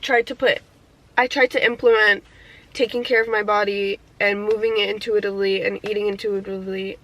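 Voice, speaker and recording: Bright-voiced young woman vlogging candidly. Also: medium pitch, low-quality recording. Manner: candid, chatty, swears freely; reflective, gets teary. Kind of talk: casual year-in-review vlog.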